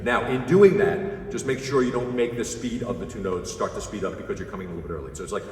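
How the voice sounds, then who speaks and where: A man conducting an orchestra rehearsal who gives brisk, encouraging instructions, sings rhythms on "ba" syllables and counts the players in. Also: on the low side, slight background noise. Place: large concert hall. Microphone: distant room mic. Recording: echoey concert hall from far off, orchestra behind.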